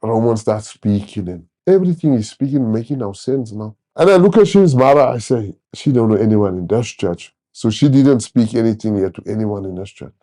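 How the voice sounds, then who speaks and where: A man in his thirties giving a personal testimony in an interview, animated and acting out the people he quotes. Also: fairly low pitch, fairly quick, few pauses. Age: 30s. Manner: animated storyteller, acts out quoted voices. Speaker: church member sharing testimony.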